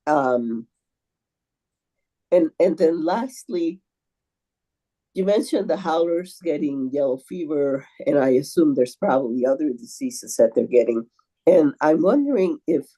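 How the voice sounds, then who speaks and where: Older woman on a video call, slow and mellow, lots of ums and restarts. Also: deep voice, rough recording. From Venezuela. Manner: halting, with many fillers and restarts. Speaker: audience member asking questions. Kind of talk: seminar Q&A question.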